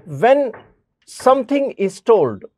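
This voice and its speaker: A male math teacher explains a lesson to his students. He repeats each point and speaks to them directly, with an animated pitch that swings up and down. The recording is dry and close. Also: slow pace, no echo.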